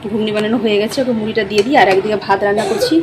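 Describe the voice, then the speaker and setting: A woman's voice: medium pitch, fairly even intonation, racing, low-quality recording. A middle-aged woman talking casually through a home vlog as she cooks and tidies, chatty and complaining, often correcting herself mid-word. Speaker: cooking vlogger. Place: at home, kitchen and rooms.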